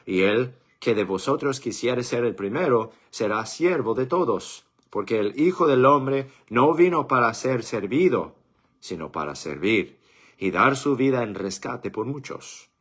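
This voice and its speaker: A man voicing a calm male teacher who speaks in measured, solemn phrases. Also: medium pitch, breathy edge.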